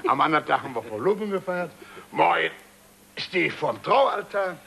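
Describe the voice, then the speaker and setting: A man's voice: fairly high pitch, lively intonation, moderate pace, vocal fry, sharp tone, husky, full character voice. An actor playing a boastful middle-aged man who can't swim, telling a tale sheepishly and dramatically in a 1960s comedy record. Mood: fond. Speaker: comic storyteller.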